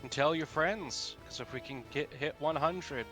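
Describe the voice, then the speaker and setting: A man co-hosting a game stream, chatting casually and going off on animated rants. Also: fairly high pitch, a little slow, soft background music. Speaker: co-host. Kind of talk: casual chat.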